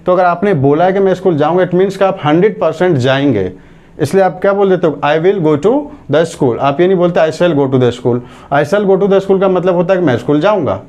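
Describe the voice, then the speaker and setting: In a classroom grammar lecture, a man with a highish, darkish voice walks through English step by step. He reads sentences out word by word for dictation and checks that students are following.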